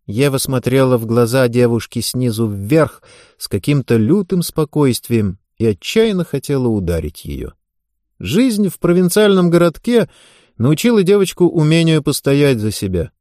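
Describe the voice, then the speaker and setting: A man narrating an audiobook in an even, measured reading. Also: medium pitch, no echo, studio quality. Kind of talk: scripted narration.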